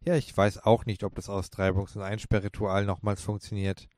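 A man voicing a tough, brisk young woman in a storybook reading, barely changing his voice. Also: fairly low pitch, little pitch movement, darkish tone, no echo, lightly acted. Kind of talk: storybook character voice.

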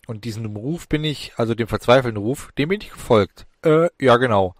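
A man voicing a cocky, bloodthirsty young male demon who talks in a falsely gentle, taunting way in a storybook reading. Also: medium pitch, animated, a little fast, no echo, clean studio sound, close to an everyday voice.

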